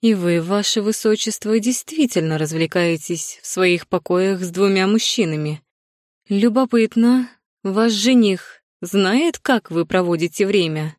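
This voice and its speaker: A woman voicing a haughty, scheming aging stepmother who sneers and turns shrill. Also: measured pace, darkish tone, no room sound, clean studio sound, natural voice. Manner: sneering, shrill when upset. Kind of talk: audiobook character voicing.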